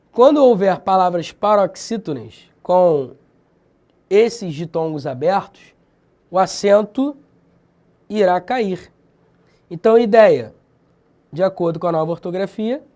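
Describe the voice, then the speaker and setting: A man with a Brazilian accent teaching grammar in a video lesson, lively and slangy, drilling example words with emphasis. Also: high voice. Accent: Brazilian Portuguese.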